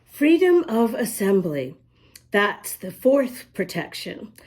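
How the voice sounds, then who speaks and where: A woman reads a storybook to young children, explaining things along the way in an emphatic, sing-song style with asides. Her voice is medium-pitched and a little mellow, very animated, and slow.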